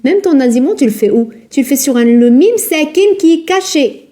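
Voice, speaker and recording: A woman teaching Quran recitation rules in a live lesson, patient and repetitive, drilling words slowly and asking her students questions. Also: high-pitched, lively intonation, dark tone, soft background music. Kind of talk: live online tajwid lesson.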